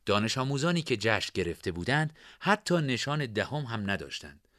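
A man narrating a fantasy story in expressive storytelling style. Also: mid-range voice, no room sound, studio quality.

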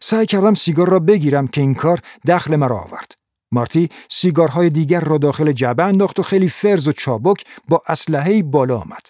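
A man reading a first-person noir novel as scripted audiobook narration in a steady, measured way. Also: a little high, no echo, clean studio sound.

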